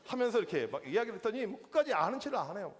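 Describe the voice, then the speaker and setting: Animated young pastor preaching in a hall. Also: male voice, sits high, very fast. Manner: lively storytelling with acted-out quotes. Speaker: youth pastor. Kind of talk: sermon. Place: church hall. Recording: reverberant church hall.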